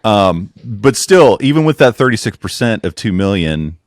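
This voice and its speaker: A man co-hosting a podcast in casual chat, chatty and quick to laugh, often restarting words. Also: fairly low pitch, very animated, no room sound, studio quality. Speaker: podcast co-host.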